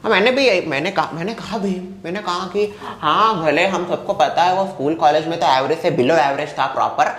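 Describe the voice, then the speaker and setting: A man's voice: fairly high pitch, brisk, hardly any pauses, a bit bright, lightly acted. A man playing a gossiping neighbor auntie. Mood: gossipy. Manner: gossipy, defensive, drops voice when quoting others. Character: gossiping middle-aged neighbor woman. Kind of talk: comedy sketch acting. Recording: echoey room, faint music.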